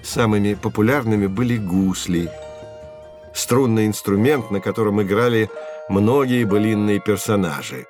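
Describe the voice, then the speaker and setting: This man's voice is lowish and a little mellow, moving at a moderate pace with faint music behind him, close to how he might talk every day. He plays a patient, well-informed narrator who teaches children, laying out ideas in clear, story-like educational lines.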